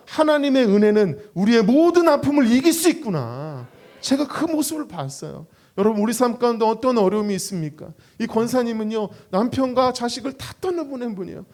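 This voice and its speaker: A man, a pastor and gospel singer, giving a sermon at a praise concert, telling stories with acted quotes. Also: very high-pitched. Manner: lively storytelling with acted quotes. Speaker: radio and online show host.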